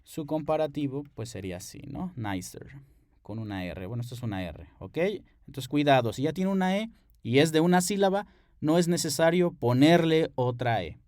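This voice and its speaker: A man's voice: fairly high pitch, expressive, brisk, darkish tone, no room sound, clean studio sound. A man teaching an English grammar lesson at a board, patient, explaining rules step by step and checking in with his students.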